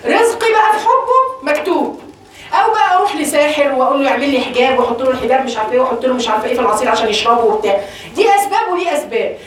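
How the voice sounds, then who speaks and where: A high-pitched woman with an Egyptian accent teaches a religious lesson to women. She talks fast and lively, posing questions to her listeners and answering them herself. Her voice sounds distant, caught in a very echoey room. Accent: Egyptian Arabic. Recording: echoey room, voice far from the mic.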